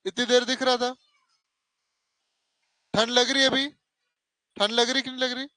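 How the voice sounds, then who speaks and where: This coaching teacher speaks in a very high, sharp voice at normal speed with little pitch movement, teaching math to students in class and online. Stern and scolding, he calls them "beta" and repeatedly checks "hai na?" There's no room sound, but the recording is rough.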